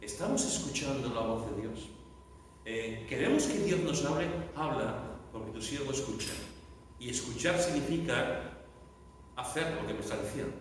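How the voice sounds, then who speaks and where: A male pastor delivers a dramatic sermon in a large, echoey church hall, picked up by a distant mic, with faint room noise behind the long reverb. His mid-range voice is sing-song at a normal pace, and he repeats phrases and shouts for emphasis.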